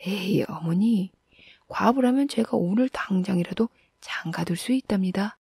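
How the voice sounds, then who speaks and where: A woman storyteller voicing a sly, scheming young bachelor in a folktale, in an eager, wheedling manner and a husky tone. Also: on the low side, moderate pace, a little mellow, no room sound, clean studio sound. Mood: coaxing.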